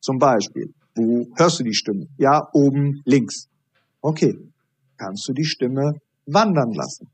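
A man, a high performance coach, talking as a podcast guest and acting out dialogue while he tells stories. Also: a little slow, breathy edge. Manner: animated storytelling, acting out dialogue.

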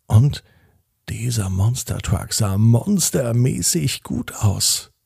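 A man narrating a bedtime story in a gentle, expressive way. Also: mid-range voice, creaky, husky, no echo, studio quality.

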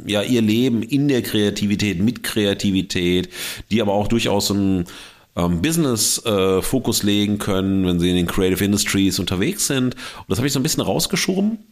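A podcast co-host with a lowish voice speaks in an animated way and a little fast, close to the microphone in front of his face. In casual conversation he rambles through long stories stuffed with fillers.

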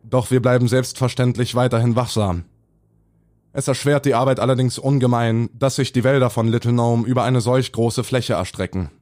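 A man's voice: medium pitch, fairly even intonation, normal speed, a little mellow, dry recording, studio quality, close to an everyday voice. A man playing a solemn, determined small-town sheriff giving a formal statement in a horror audio drama. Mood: solemn, resolute. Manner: formal, official.

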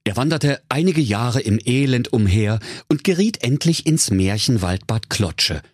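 A man's voice: lowish voice, dry recording, clean studio sound. A man telling a comic fairy tale in a playful way. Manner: playful, with wide swings in tone. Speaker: storyteller.

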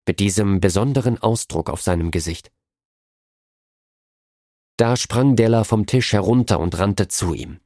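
A man reading a story aloud in a calm, measured narration. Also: sits low, dry recording, clean studio sound.

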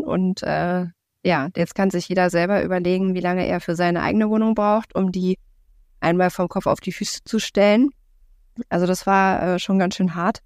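A woman's voice: on the low side, a little mellow, dry recording. Woman in her thirties, dry close sound. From Berlin, Germany. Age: 30s. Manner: thoughtful, many filler sounds and pauses. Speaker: podcast guest, real estate investor. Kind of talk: casual interview talk.

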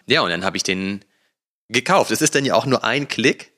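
A man co-hosting a laid-back podcast, his voice sitting a little low but with a bright, forward edge. He tells his stories at length, rambling along with plenty of fillers and asides. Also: lively intonation, moderate pace. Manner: chatty storyteller, rambling with fillers. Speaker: podcast co-host. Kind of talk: casual podcast chat.

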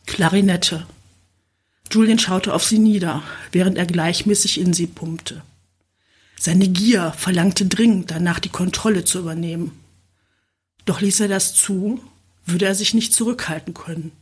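A woman reading an erotic novel aloud as audiobook narration, slow and sensual. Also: fairly low pitch, slightly rough.

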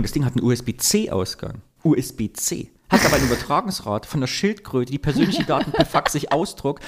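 A man's voice: fairly high pitch, a little hiss or hum. A man co-hosting a casual podcast, ranting and joking about recording gear. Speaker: podcast co-host.

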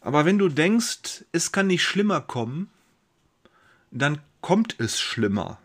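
A man's voice: on the high side, very animated, takes it slowly, a bit bright, heavily acted. A man playing a pious, anxious young carpenter, telling his story in first person with emotional swings between brooding and outbursts. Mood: rueful.

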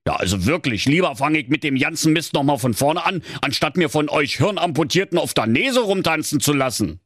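A man's voice: a little high, expressive, brisk, dry recording, studio quality, voice pushed up. A man voicing a grumpy, bossy male donkey with a Berlin accent in a comic audiobook. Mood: fed up. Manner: bossy, blustering, Berlin slang. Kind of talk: audiobook fairy-tale parody.

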